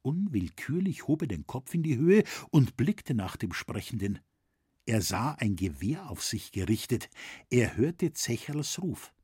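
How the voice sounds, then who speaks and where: A man reading a novel aloud as narrator, with expressive storytelling. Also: mid-range voice, a little slow, slightly rough, no echo, clean studio sound. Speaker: audiobook narrator.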